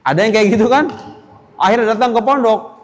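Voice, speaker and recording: Speaking in a high voice, a young man gives boarding school students a religious lesson inside a mosque. He talks straight to them, mimicking parents and children with quick little voices, and a long reverb tail follows his words.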